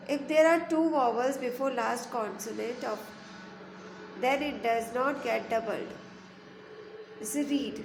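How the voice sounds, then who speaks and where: A woman teacher works through a grammar lesson, reading each rule slowly and then explaining it in quick bursts. She spells words out letter by letter in a slightly high voice. The room is echoey, with a faint hum behind her. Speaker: school teacher.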